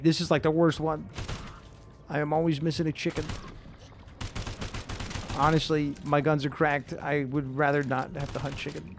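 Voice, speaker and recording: A young man from the United States casually talking with viewers while playing a game, laid-back and cursing often. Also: on the high side. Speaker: streamer. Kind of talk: casual gameplay commentary.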